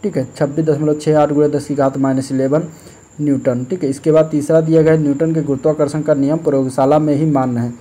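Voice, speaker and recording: Slightly high and quick-paced, this man's voice belongs to an exam-prep tutor explaining practice questions one step at a time. He uses lots of fillers and steadily checks in with "okay", saying "ठीक है" again and again.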